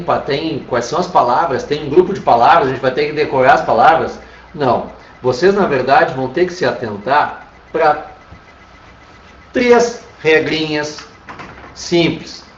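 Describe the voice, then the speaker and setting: A man's voice: a little high, a little hiss or hum. A man with a Brazilian Portuguese accent teaching an online Spanish class, patiently repeating "tá?" to check that students follow. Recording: roomy, distant, dull lo-fi sound.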